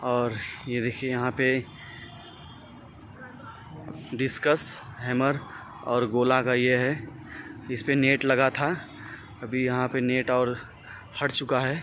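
A young Indian athlete and vlogger walks viewers around an outdoor athletics stadium, plainly and directly describing what he shows on a handheld phone camera. His mid-range, fairly bright voice is level and slow, with long pauses. The audio is poor, picking up background noise outdoors.

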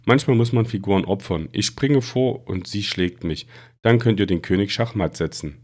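A man's voice: fairly low pitch, moderate pace, darkish tone, natural voice. A man voicing an eager young wizard boy who gives chess instructions in a storybook reading. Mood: resolute.

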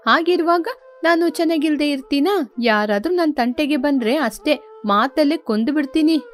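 A woman's voice: sits high, moderate pace, natural voice. A woman voicing an arrogant, bossy young married woman who talks in a boastful, scornful way in a storybook tale. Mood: haughty. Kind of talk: storybook character voice.

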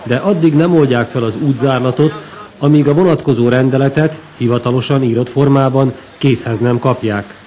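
A man reading a news report in a formal, even voice-over. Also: mid-range voice. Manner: even, formal read delivery. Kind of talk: scripted news narration.

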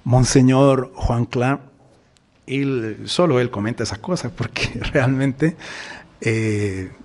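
A man, a priest, teaching an adult catechism class in a conversational, animated way, acting out little scenes as he explains. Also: mid-range voice, slow pace. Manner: conversational, animated storytelling with acted-out quotes.

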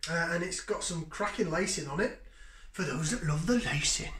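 Guy in his 30s doing a beer review in his kitchen, high bright voice, bit of room echo. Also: moderate pace. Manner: enthusiastic, savoring, chatty with sniffs and sips. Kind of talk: casual beer tasting review. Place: home kitchen, indoors. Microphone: fixed camera at table distance. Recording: echoey kitchen.

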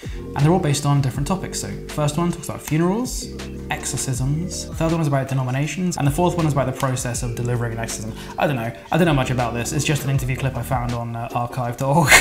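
Relaxed man talking you through editing software on a screen recording, chatty and easygoing, mid-pitched voice with music playing softly under him. He sounds loose and informal, like he's thinking out loud. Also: quick pace. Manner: chatty, relaxed, with fillers and laughs. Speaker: video editing tutor. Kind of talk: casual screen-recorded tutorial.

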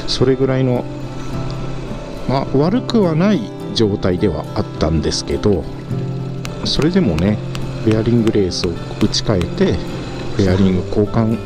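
Motovlogger, male, relaxed musing delivery with lively pitch swings, loud music bed over road noise. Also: moderate pace, pauses often. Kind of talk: casual riding commentary. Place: riding a motorcycle outdoors. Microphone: helmet-mounted action camera mic.

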